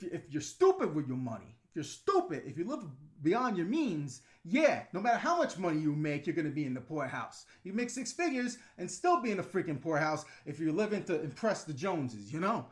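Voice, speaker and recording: Fairly quick and very animated, a middle-aged man with a voice on the high side hosts a casual YouTube livestream. His New York accent colors his blunt, ranting answers to chat, which are loaded with fillers.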